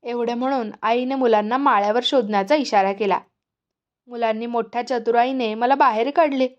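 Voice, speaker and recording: A woman narrating a story for an audiobook in a gentle, expressive way. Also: fairly high pitch, moderate pace, highs cut off.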